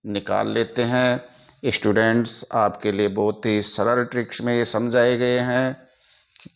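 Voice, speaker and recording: A man's voice: medium pitch, level tone, measured pace, vocal fry, clear, resonant tone. A male teacher with a Hindi accent explaining things to students, spelling out English words one letter at a time.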